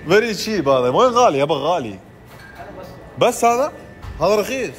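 A young man, bantering loudly and teasingly in a comedy skit, swearing oaths as he goes. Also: sits high, sing-song, a little fast, soft background music.

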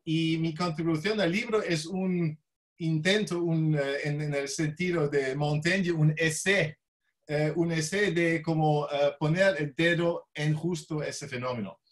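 A man who is not a native Spanish speaker gives an academic talk with a foreign accent, halting and often searching for words. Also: a little high. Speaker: law professor, visiting lecturer.

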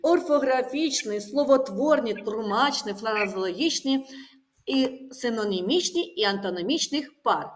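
A woman with a high-pitched voice leads a primary school lesson. She poses question after question and patiently confirms each answer by repeating it. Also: animated, unhurried. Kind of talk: classroom lesson. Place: classroom.

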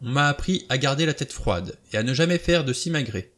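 A man's voice: medium pitch, lively intonation, fairly quick, fairly bright tone, pitched above the performer's own voice, natural voice. A man doing a prim, stern older spinster. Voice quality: stiff, disapproving.

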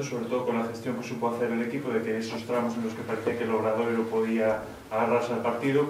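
A man's voice: mid-range voice, darkish tone, slight background noise. A man, a reporter asking long, winding questions at a press conference. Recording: echoey room, distant from the mic.

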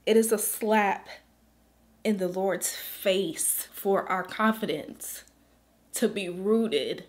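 A woman beauty influencer speaking in an earnest, pleading faith vlog, holding back tears and dropping into soft whispers. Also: medium pitch, takes it slowly.

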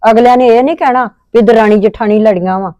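An indignant woman with a Punjabi accent, playing a mother-in-law who scolds her family. Her voice sits a little high and sounds close and dry, with no room around it. She talks in long, reproachful runs. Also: fast, dark tone, no room sound. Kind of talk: scripted family drama acting.

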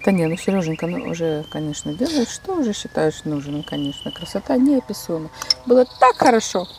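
A woman's voice: fairly low pitch, big pitch swings, fairly quick, darkish tone, a little hiss or hum. A woman chatting casually in a teasing, wry way as a partner on a cooking vlog. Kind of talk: casual chat.

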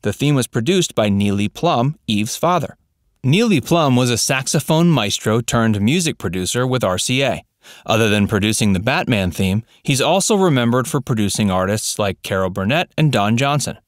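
A man narrating a scripted voice-over, reading facts in an even, read-out way. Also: mid-range voice, normal speed, dry recording, clean studio sound.

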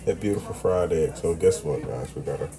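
A man's voice: very deep voice, lively intonation, fairly quick, gravelly, warm tone, faint music behind. A man streaming live as he cooks and eats, chatting playfully with viewers and humming over his food. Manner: playful, talks to chat, hums while eating. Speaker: home cook streaming live. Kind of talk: casual live-stream chat. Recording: kitchen clatter of dishes and cutlery. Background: clinking dishes, pots and pans.

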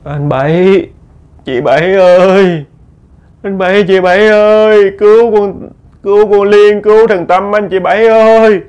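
A man's voice: fairly even intonation, a little slow, a little mellow, clean tone, highs cut off. A man voicing the ghost of a dead woman crying out desperately for help. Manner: high, desperate, pleading cries.

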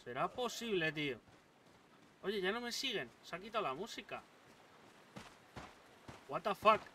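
Jumpy high-voiced man from Spain, swearing. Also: very animated, a little slow, pushed and bright. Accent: Spain Spanish. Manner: yelps, swears and exclaims constantly, jumpy. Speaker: gaming channel host. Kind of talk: excitable let's-play commentary. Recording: distant mic with clear background noise.

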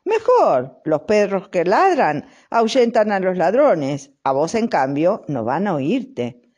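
Woman doing a brisk high-voiced farmer. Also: big pitch swings, a little mellow, breathy edge, full character voice. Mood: persuasive. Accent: Rioplatense Spanish. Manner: brisk, persuasive. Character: bossy helpful male farmer, brisk.

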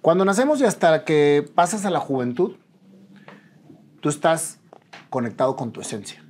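A Mexican man in his forties hosts a sit-down interview with a fairly high voice. He speaks casually, with friendly slang and buddy-like address. He sets up his questions with little explanations. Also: sing-song, normal speed, a little mellow, a little hiss or hum. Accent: Mexican Spanish. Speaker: interview host. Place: dim studio set with dark curtains.

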